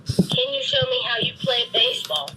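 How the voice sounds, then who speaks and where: A synthetic female voice playing a friendly, cheerful boy robot that talks to children in slow, simple, deliberate sentences. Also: a little high, lively intonation, music in the background, lightly acted, rough recording. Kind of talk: programmed robot speech for children. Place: meeting room, played from a robot.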